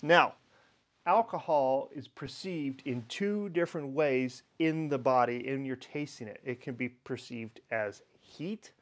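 A man hosting a wine tasting lesson, explaining in a relaxed, chatty way with pauses and fillers. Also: medium pitch. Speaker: wine educator host.

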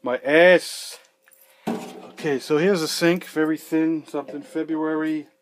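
A man with a fairly high, fairly even voice speaks slowly over a little hiss or hum as he narrates a sink repair. The handyman swears freely, rambles, and chuckles to himself in this casual how-to video with running commentary, filmed by a fixed camera a few feet away in a small basement room with a sink and cabinets.

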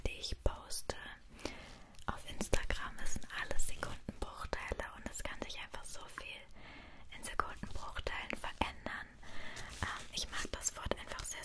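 Slow, whispering young woman. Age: 20s. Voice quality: soft breathy whisper. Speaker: ASMR video creator. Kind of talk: whispered ASMR, casual personal chat to viewers. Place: small indoor room. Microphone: close stereo microphones on either side.

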